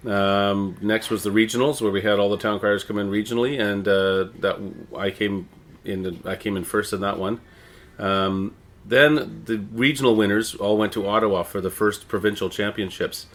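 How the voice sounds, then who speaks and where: A middle-aged man with a Canadian accent answers interview questions conversationally, in a halting, rambling way with repeated words. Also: lowish voice, fairly bright tone. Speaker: interviewee, town crier and visitor services manager.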